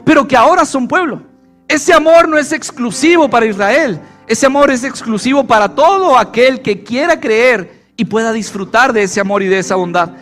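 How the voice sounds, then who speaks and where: A man's voice: very high-pitched, fairly bright tone. A male pastor preaching a sermon, repeating key phrases and putting questions to the congregation. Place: church.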